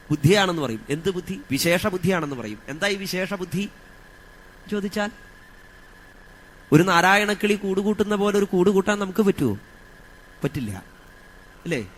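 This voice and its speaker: A man with a Malayalam accent giving a religious discourse on scripture, chanting verses slowly and asking his listeners rhetorical questions. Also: high voice, a bit bright, slight background noise. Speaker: scripture teacher.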